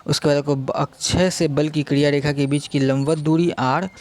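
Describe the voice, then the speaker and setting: A young man teaching a casual exam-prep physics lesson, speaking slowly and repeating himself, constantly checking in with his listeners. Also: a little high, steady tone, darkish tone. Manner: slow, repetitive, checks in with "theek hai" constantly.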